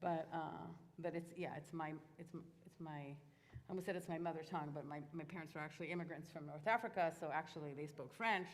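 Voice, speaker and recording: Her voice sits low and moves a little fast as this Hebrew-speaking Israeli woman casually explains things to a youth group, using lots of fillers. The setting is a synagogue sanctuary with an echoey hall sound.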